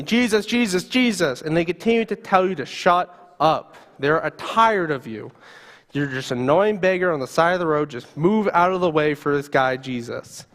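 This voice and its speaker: A man's voice: a little high, normal speed, long reverb tail. A male pastor preaching a sermon, telling a story vividly in the second person.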